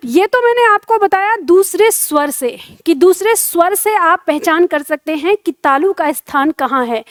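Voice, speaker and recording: Woman teacher, high voice, dry sound, keeps quizzing then answering herself, gets you to say sounds out loud. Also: no room sound. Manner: explains with questions she answers herself; has students say sounds aloud. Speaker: Hindi grammar teacher. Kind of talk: classroom lecture.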